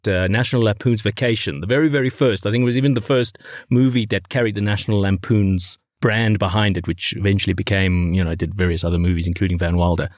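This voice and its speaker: A middle-aged man, telling stories in a rambling, animated way as a podcast co-host. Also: on the low side, no echo, clean studio sound. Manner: animated storyteller, rambling with restarts. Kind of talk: casual chat.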